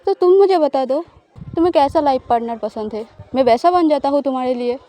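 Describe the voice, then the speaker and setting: A woman plays a smug, possessive young spouse in an audio story, teasing and coaxing with a smile in the words. The voice is high but mellow and soft. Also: expressive, a little fast.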